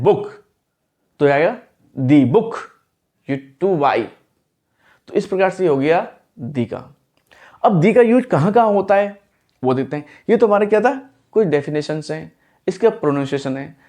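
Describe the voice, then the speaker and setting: A man's voice: a little high, darkish tone. Man teaching English grammar, self-questioning. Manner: repeats questions and answers them himself; mixes Hindi with English examples. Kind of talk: explaining grammar to students.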